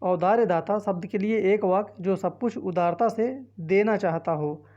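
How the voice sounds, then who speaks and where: An exam-prep teacher with a Hindi-speaking north Indian accent reads quiz options one by one and explains each answer. Her medium-pitched voice is mellow at normal speed, and the sound is lo-fi.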